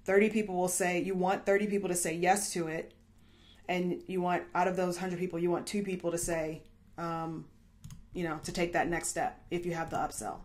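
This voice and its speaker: A woman with a fairly low voice teaches a marketing training class, chatty and upbeat. She keeps checking in with her listeners and thinks out loud, correcting herself mid-stream. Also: flat delivery, normal speed. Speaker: online marketing coach. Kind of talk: live training lesson.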